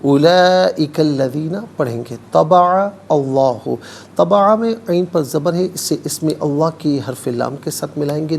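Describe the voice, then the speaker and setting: A male TV host teaching Quran recitation, explaining each word clearly, then chanting the verses slowly. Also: a little high, a little mellow, a little hiss or hum. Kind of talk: televised Quran recitation lesson. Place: TV studio.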